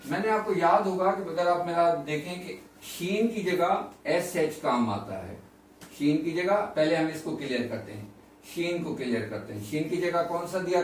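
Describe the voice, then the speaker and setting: A man teaching beginners in a patient classroom voice, slightly higher than most men. He keeps asking his learners questions and repeating the key points. He is recorded from a distance in a strongly echoing room, with faint room noise behind him. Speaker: English teacher. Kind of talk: classroom lesson explanation.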